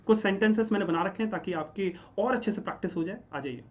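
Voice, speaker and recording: Male teacher explaining grammar at a board, drilling with quick self-answered questions; slightly muffled recording. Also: high voice, darkish tone, a little hiss or hum. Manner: explains step by step, asks and answers his own questions; keeps checking in with "ठीक है?". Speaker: English teacher. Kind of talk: classroom-style grammar lesson.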